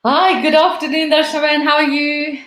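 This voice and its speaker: A woman's voice: high-pitched, level tone, moderate pace, fairly bright tone, reverberant. A woman hosting a live online interview chat from home on a video call, chatty and full of fillers. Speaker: talk show host.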